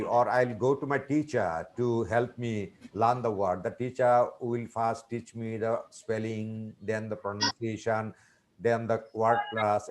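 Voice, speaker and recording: A middle-aged man gives a teaching webinar over a video call, his voice at an ordinary pitch. He talks in a measured, teacherly way, pausing on fillers and repeating key points. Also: a little hiss or hum. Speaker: guest speaker on teaching. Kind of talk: webinar answering questions.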